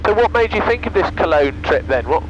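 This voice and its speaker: A man's voice: high-pitched, big pitch swings, fairly quick. A man who pilots a small aircraft, chatting casually to his passenger as he flies. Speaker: pilot giving a passenger a flight. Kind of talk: casual chat while flying. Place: microlight cockpit in flight. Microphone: aircraft headset. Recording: dull cockpit headset, loud engine noise.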